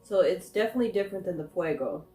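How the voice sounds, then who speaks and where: A woman's voice: on the low side, lively intonation, fast talker, mellow. A woman chatting casually through a food taste test, rambling and thinking aloud as she goes. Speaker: snack reviewer. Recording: roomy echo, faint music.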